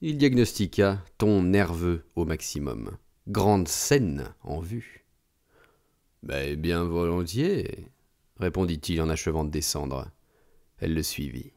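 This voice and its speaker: A man with a very deep voice narrates a classic novel as an audiobook. He reads slowly and deliberately, and his pitch rises and falls expressively to shape each sentence. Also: gravelly. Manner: measured and expressive reading.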